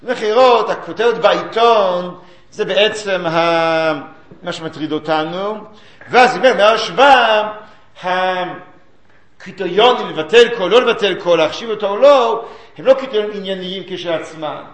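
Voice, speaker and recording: A man's voice: high-pitched, a bit bright, echoey room. A man giving a Talmudic study lecture, explaining sources and chanting the quoted texts.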